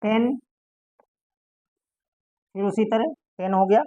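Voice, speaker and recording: A woman's voice: medium pitch, takes it slowly, warm tone, no room sound. Lady teacher going over a lesson, quizzes then answers herself, dry close sound, kinda dull and lo-fi. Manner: asks questions and answers them herself. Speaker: shorthand teacher. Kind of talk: classroom lesson explaining.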